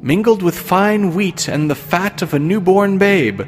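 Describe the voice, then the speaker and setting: The devil in the shape of an older traveler, as a male reader plays him, sly and mocking in archaic speech. He talks slowly and smoothly, and a long reverb hangs on every word. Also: high-pitched, soft background music, pitched above the performer's own voice.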